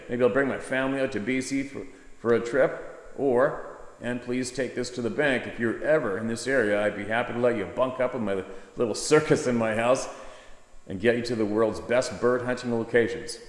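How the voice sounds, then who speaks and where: A man hosting an informal storytelling show, reading a listener's account aloud and commenting on it. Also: lowish voice. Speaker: host of a Bigfoot sightings show. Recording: echoey room with long reverb.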